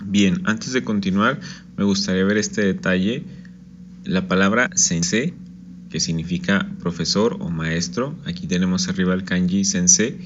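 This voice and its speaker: A man's voice: low voice, moderate pace, lo-fi sound, noisy background. A man teaching an online Japanese lesson, patiently explaining step by step and often checking in with "ok?".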